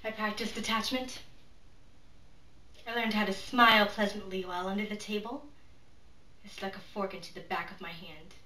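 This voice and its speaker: An actress performs a proud, calculating noblewoman in a dramatic monologue. Her voice is bright and forceful, and she weighs each phrase with pauses and sudden hushed drops. The recording is echoey and set back from the microphone. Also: medium pitch, steady tone, close to an everyday voice. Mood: proud, controlled. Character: proud, calculating aristocratic woman, cunning and defiant. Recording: roomy echo, distant microphone.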